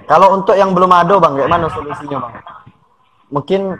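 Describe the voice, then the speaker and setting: A male interviewer throws in short, casual follow-up questions and quick agreeing sounds. Steady noise hisses clearly under his voice. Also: sits high. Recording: noisy background hiss.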